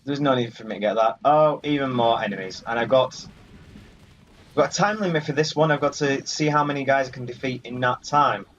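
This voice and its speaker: A gaming video host jokes his way through casual let's play commentary, mildly cursing at the game's characters. His mid-range voice is a bit bright and fairly quick. The lo-fi recording sounds muffled under video game music.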